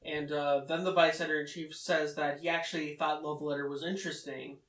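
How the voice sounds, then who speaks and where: Man recapping a story, halting. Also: a little high, little pitch movement, fairly bright tone. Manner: halting, many "uh" fillers. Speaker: manga recap commentator. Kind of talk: casual spoken summary. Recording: roomy, distant mic.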